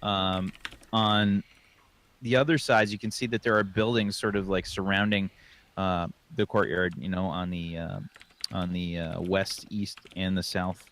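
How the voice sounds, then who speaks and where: A man's voice: low-pitched, steady tone, measured pace, a bit bright, a little hiss or hum. A man narrating as game master of a tabletop game, loose and rambling with lots of fillers.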